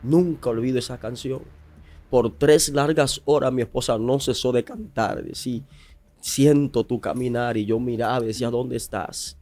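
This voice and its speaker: A man's voice: mid-range voice, darkish tone. A man from the Dominican Republic, a pastor, telling a personal testimony with rising emphasis. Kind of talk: emotional testimony.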